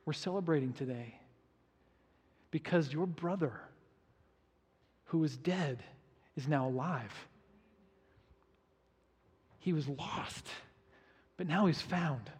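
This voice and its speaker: A man voicing a forgiving older father, speaking softly and reassuringly. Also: a little high, slow pace, long pauses, husky, exaggerated voice. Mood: tender. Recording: reverberant hall.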